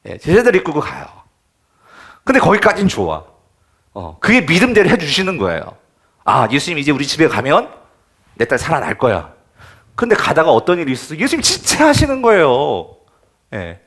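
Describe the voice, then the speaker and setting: A man's voice: a little high, huge pitch swings, normal speed, pauses often, fairly bright tone. A male pastor preaching a sermon in church, emphatic and often asking the congregation questions.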